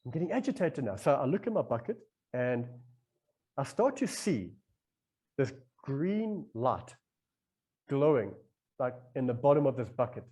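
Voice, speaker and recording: Mellow-voiced man telling a rambling story. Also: medium pitch, unhurried, long pauses, slightly rough. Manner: rambling, animated retelling that acts out his own inner voice. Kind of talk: casual podcast storytelling.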